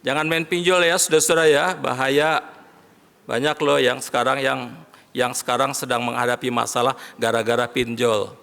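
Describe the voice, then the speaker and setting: A man preaching a sermon as pastor, animated, often rising to shouts as he addresses the congregation. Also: medium pitch, normal speed, vocal fry. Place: large worship hall. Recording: long hall reverb.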